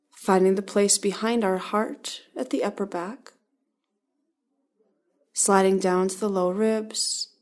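A woman with a mid-range voice guides a body-scan meditation, offering calm, gentle instructions in short, spaced phrases.

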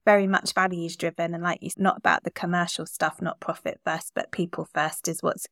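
A woman's voice: fairly low pitch, flat delivery, fairly quick, a bit bright, dry recording, clean studio sound. A middle-aged woman hosting a conversational interview, responding in an affirming, reflective way. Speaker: podcast host, interviewer.

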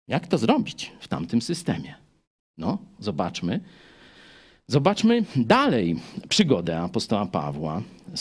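A man preaching a chatty Bible study sermon, full of rhetorical asides and questions to the listeners. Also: medium pitch.

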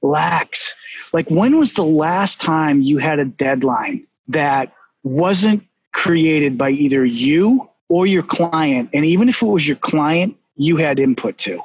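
A man's voice: a little high, slow pace, slightly rough, no room sound. Boston man, casual business talk host, emphatic, dry and slightly muffled recording. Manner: storytelling, animated, emphatic. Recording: dull, slightly lo-fi.

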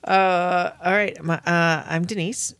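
Low-voiced woman in her late 50s, laid-back and frank, lots of ums, dry close sound. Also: slow pace, clear, resonant tone, no echo. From Los Angeles. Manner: relaxed, frank, with many fillers. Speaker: podcast co-host. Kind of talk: casual chat.

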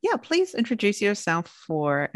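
A woman's voice: medium pitch, huge pitch swings, unhurried, dry recording, clean studio sound. A woman hosting a podcast, chatting in an upbeat way and laughing easily as she introduces and welcomes a guest. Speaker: podcast host. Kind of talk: casual podcast talk.

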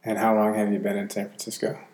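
Very low-voiced woman interviewer. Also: monotone, fast talker, mellow. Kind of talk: casual interview. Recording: echoey room, faint noise.

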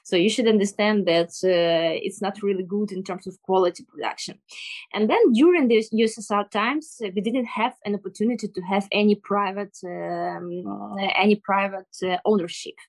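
Ukrainian woman explaining stuff in careful english, kinda halting, hunting for words, pretty dry close sound. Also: medium pitch, no echo. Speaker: interview guest. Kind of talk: explanatory interview talk.

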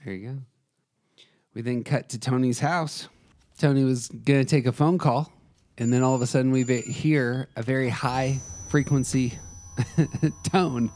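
A man's voice: medium pitch, steady tone, a little slow, darkish tone. A man co-hosting a casual film discussion, narrating scenes and commenting on them. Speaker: co-host.

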